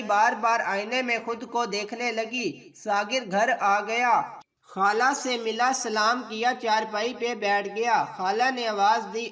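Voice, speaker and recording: A woman narrating an emotional story in a steady, measured way. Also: a little high. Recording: distant mic.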